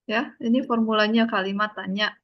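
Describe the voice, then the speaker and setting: Patient teacher on a video call. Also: female voice, mid-range voice, fairly even intonation, normal speed, dull audio. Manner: patient, repeats and spells out each point. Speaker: online Korean language teacher. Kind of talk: online class teaching.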